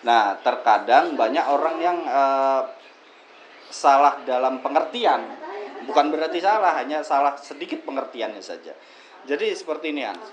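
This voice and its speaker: A man's voice: medium pitch, animated, normal speed, muffled recording, slight background noise. A man with an Indonesian accent, a guest on a casual podcast, explaining Sufi ideas with everyday examples and a joking ease. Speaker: guest speaking on Sufism.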